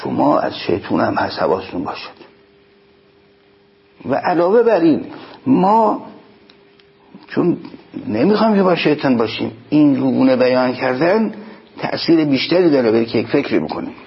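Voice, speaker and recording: A man giving a sermon, explaining in plain speech and slowing down to chant quoted lines. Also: mid-range voice, big pitch swings, gravelly, breathy edge. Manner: slow chanted quotations, emphatic explanations. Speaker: preacher. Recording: dull lo-fi recording.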